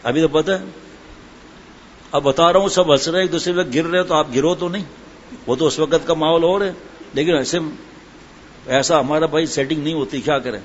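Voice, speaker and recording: A religious preacher with a slightly high voice delivers a sermon as conversational storytelling, pausing often and sharing humorous anecdotes full of chatty asides. The audio is dull and lo-fi, with faint background noise.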